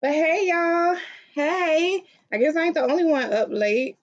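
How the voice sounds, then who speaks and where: A woman with a Southern US accent, high-voiced and expressive, chats casually and playfully at a measured pace on an informal livestream. She's a livestream host and author, seated on a beanbag in a room at home. Her laptop's built-in mic, with no plugged-in microphone, gives the audio a dull quality.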